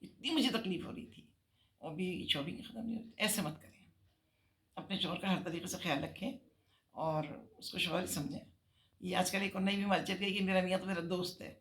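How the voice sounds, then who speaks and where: A woman's voice: fairly low pitch, fairly quick, a bit bright. An older woman giving earnest, emphatic marriage advice on a talk show.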